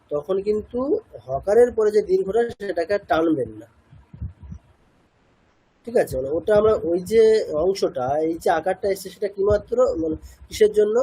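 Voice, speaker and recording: Man, high voice, husky tone, patient teacher explaining step by step. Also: dark tone, rough recording. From India. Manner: patient, asks and answers his own questions. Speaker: Sanskrit chanting teacher. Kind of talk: explanatory class lesson.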